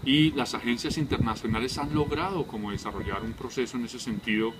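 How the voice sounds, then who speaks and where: A man working in humanitarian health, giving a measured explanatory talk full of fillers and questions he answers himself. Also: medium pitch, over a noisy crowd.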